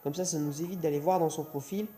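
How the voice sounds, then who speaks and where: A man's voice: on the high side, fairly even intonation, fast, mellow. A young man hosting a gaming video in casual, hesitant, rambling commentary, his mouth sore after wisdom teeth surgery. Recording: music playing behind the voice. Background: music.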